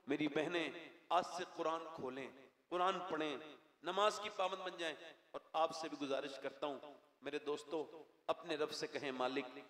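Impassioned high-voiced male preacher, echoing hall. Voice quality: emotional, builds from soft pleading to loud crying-out. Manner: addresses the crowd directly, asks call-and-response questions. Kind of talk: impassioned religious sermon. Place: large religious gathering. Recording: echoey hall with long reverb.

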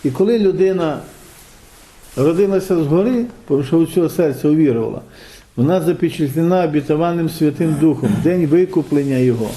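A middle-aged man with a Ukrainian accent preaches a sermon in a loose, conversational way. His voice sits a little high, yet its tone is deeply dark and mellow. He keeps checking in with his listeners through short rhetorical questions. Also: brisk. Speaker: pastor.

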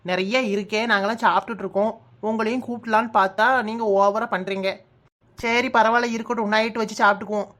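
A woman's voice: mid-range voice, fairly even intonation, fast talker, a bit bright, natural voice. A woman with a Kanyakumari Tamil accent voicing a scheming young village woman in a cartoon, wheedling and pleading. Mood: coaxing. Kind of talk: cartoon voice acting.

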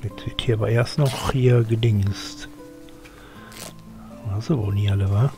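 A man's voice: fairly low pitch, fairly even intonation, a little slow, over music. An older man gives chatty live game commentary, muttering to himself and grumbling at his character. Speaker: let's play streamer.

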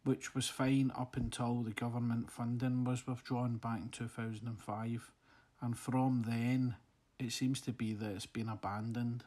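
A man narrating a slideshow of his photographs in a relaxed, friendly, slightly hesitant way. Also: mid-range voice, measured pace. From Scotland. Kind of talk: casual voice-over narration. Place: voice-over, not recorded on site.

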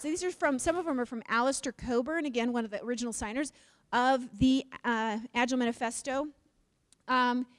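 In a dry recording, a high-pitched woman from Utah speaks at a conference. She keeps things lively by questioning the audience and joking with them.

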